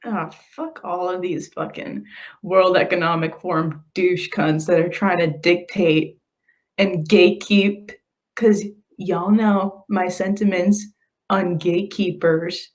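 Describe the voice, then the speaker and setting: A woman's voice: on the low side, steady tone, slow. A woman co-hosting a casual live stream, swearing freely, saying y'all and laughing often. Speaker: podcast co-host.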